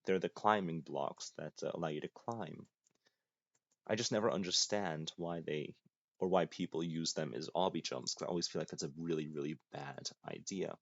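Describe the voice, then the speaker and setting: A man's voice: low voice, normal speed, vocal fry, no room sound. A young man giving casual gameplay commentary, muttering to himself and joking at his own expense in a dry, self-mocking way. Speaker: gaming YouTuber. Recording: dull lo-fi, dry.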